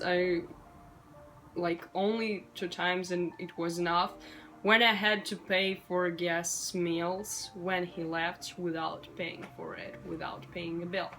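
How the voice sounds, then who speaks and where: Slow-talking frustrated young woman venting. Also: medium pitch, fairly bright tone, low-quality recording. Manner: frustrated, blunt, swears freely, slow with many fillers. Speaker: vlogger, waitress. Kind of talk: casual ranting vlog.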